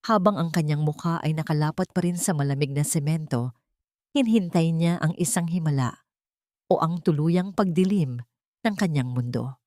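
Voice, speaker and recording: A woman's voice: low-pitched, moderate pace, darkish tone, no echo, studio quality. A woman telling a dramatic story in scripted narration, shifting her voice a little for the characters.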